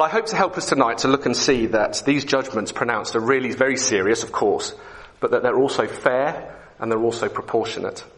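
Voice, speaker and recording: A man's voice: mid-range voice, a bit bright. Guy preaching an evening sermon, chatty, keeps asking the congregation stuff. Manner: conversational, asks the congregation questions.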